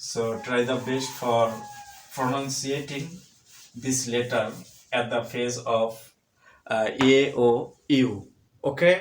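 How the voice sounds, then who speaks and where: A male English teacher with a Bangladeshi accent, slowly and deliberately spelling out letters and sounds in a spoken English pronunciation lesson. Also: mid-range voice, fairly even intonation, slight background noise. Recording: echoey room, voice distant from the mic.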